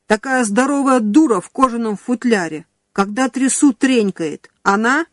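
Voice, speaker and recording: A woman reading an audiobook, voicing a young male workman who shouts excitedly from a distance. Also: mid-range voice, slow, dry recording, clean studio sound. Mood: excited shouting.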